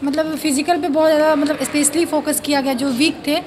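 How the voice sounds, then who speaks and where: A woman's voice: sits high, fairly even intonation, fairly quick, a little mellow, slight background noise. A woman recruited to the police answers plainly and matter-of-factly into a handheld mic. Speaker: police sub-inspector recruit. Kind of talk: interview answer.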